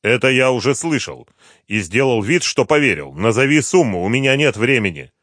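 Male narrator voicing a calculating fugitive colonel, hard and commanding, lively delivery, dead-dry audiobook sound. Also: medium pitch, moderate pace, no room sound, voice pushed up. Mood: demanding.

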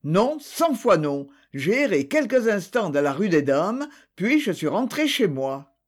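A man's voice: sits high, very animated, unhurried, full character voice. A man voicing a proud young man under suspicion who answers defensively. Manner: defensive, tense.

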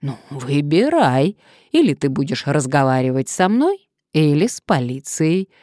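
Brief: woman reading a cold, threatening blackmailer, low-pitched and clipped. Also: sing-song, measured pace, mellow, dry recording, clean studio sound. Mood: menacing. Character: menacing male blackmailer on the phone. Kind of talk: audiobook character reading.

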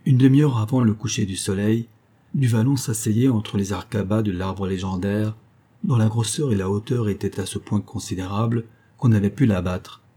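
Low, husky man reading a novel. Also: fairly even intonation, normal speed, warm tone. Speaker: audiobook reader. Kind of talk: scripted novel narration.

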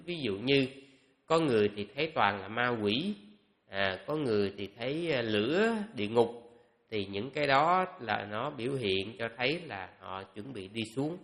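Bright-voiced monk explaining calmly. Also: male voice, mid-range voice. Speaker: Buddhist monk. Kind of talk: dharma talk answer.

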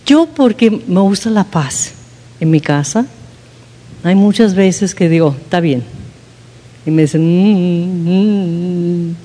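A woman's voice: on the low side, animated, a little slow, pauses often, dark tone. Woman preaching in a reverberant hall. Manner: candid and self-mocking, checks in with listeners. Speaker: speaker at a women's church gathering. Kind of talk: informal sermon talk.

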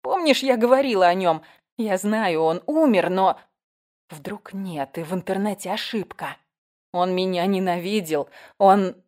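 A woman's voice: medium pitch, unhurried, darkish tone, natural voice. A woman reading an audiobook, voicing a frightened woman who whines and pleads for help. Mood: scared. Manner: whining, anxious, breathless.

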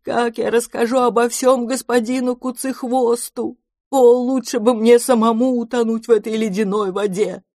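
A woman's voice: mid-range voice, a little mellow, dry recording, close to an everyday voice. A woman doing a fretful little male creature from a storybook who wails and draws out every word. Everything sounds like a catastrophe to him, and the voice sits in a dry, close booth. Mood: despairing. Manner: slow, wailing lament.

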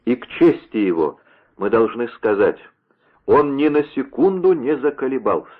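A man narrating an adventure story in a steady, expressive reading voice. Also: medium pitch, normal speed. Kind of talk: dramatic audiobook reading. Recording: tinny phone-like radio sound.

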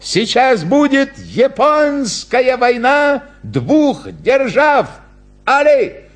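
A man voicing a clumsy, flustered male circus clown who shouts shrilly at his dog, read from a storybook. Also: very high voice, sing-song, very slow, pitched above the performer's own voice, full character voice. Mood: showman. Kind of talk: storybook reading.

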